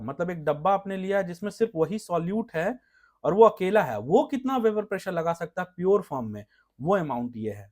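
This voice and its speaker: Male chemistry lecturer, fairly high voice, repeats terms and keeps checking the class. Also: a little mellow. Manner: explains step by step, asks rhetorical checks, repeats key terms. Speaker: chemistry teacher.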